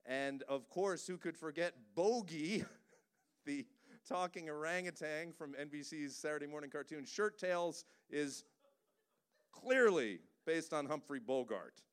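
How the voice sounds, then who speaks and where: This man's voice is a little high and a little slow, with a clear, resonant tone. He's a voice director presenting an upbeat, humorous pop-culture talk to a live crowd at a cinema event.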